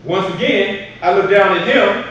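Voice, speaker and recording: A man giving a humorous, animated storytelling speech to an audience, laughing as he goes. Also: sits high, normal speed, dull audio. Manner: animated, laughs through his stories. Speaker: motivational speaker. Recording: echoey hall, voice from far off, background noise.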